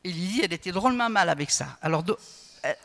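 A woman's voice: fairly low pitch, expressive, fast, gravelly, a bit bright. A woman preaching a sermon in a chatty way, often checking in with her listeners with a questioning "hmm?" and stumbling over repeated words. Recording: long hall reverb.

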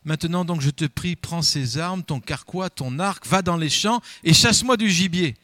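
A man's voice: fairly high pitch, normal speed, bright, forceful tone, no room sound. A man preaching in French, first reading a Bible passage aloud and then explaining it with emphatic, rising and falling delivery and frequent repeated words.

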